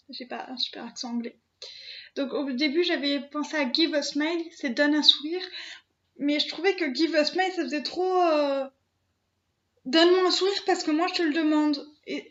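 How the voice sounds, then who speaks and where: A woman's voice: high-pitched, a bit bright, muffled recording. A young woman hosting her own channel, talking casually to camera, hesitant, with many fillers and restarts. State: emotional, near tears. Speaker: channel host. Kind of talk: casual vlog talk to camera.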